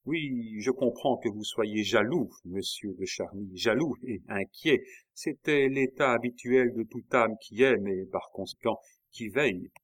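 A man voicing a proud, jealous queen who speaks with sharp irony that rises to fury. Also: fairly low pitch, unhurried. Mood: biting. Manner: sharp, biting, rising to fury.

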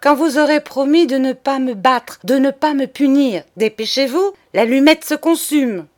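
A woman's voice: high-pitched, moderate pace, a little mellow, voice pushed up, natural voice. Woman doing a cheeky poor kid, bold, talks back, stubborn. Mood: defiant. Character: defiant, cheeky poor young boy.

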